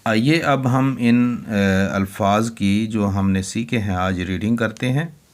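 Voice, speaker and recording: An Urdu teacher works with children learning to read. He speaks in a lowish voice at a very slow, deliberate pace, spelling each word letter by letter and saying it twice.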